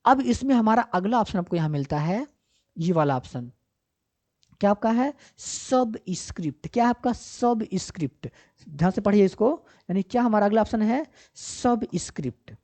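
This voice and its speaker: A woman computer teacher giving a step-by-step software tutorial, repeating points and answering her own questions. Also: mid-range voice, animated, brisk. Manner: asks herself questions and answers them, checks often with 'ठीक ना'; repetitive, step-by-step explaining. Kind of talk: screen-recorded software tutorial. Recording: slightly dull lo-fi audio.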